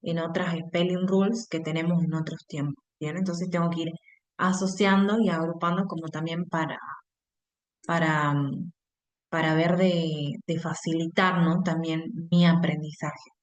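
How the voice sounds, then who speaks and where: Lower-pitched Argentine woman teaching. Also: steady tone, a little slow. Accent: Argentine Spanish. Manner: explains step by step, constantly checks with "¿sí?" and "¿bien?". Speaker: English teacher. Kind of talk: online class lecture.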